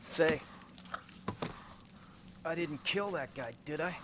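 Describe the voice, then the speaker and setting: A man's voice: a little high, slow pace, background noise. A young man speaking in an earnest, unsure way. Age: young adult.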